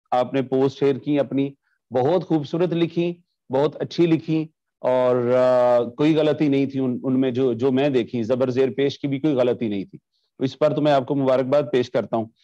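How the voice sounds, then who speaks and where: A man with a fairly high voice teaches a recorded online lesson on Quran recitation. He explains patiently, repeats each example and chants phrases slowly. The sound is dull and lo-fi. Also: mellow.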